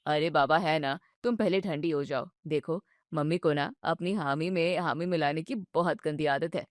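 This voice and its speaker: A woman voicing a young husband who calmly soothes his upset wife. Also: normal speed, no echo, studio quality, natural voice. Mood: soothing. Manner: low, soothing and patient. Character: young husband, calm peacemaker between wife and mother.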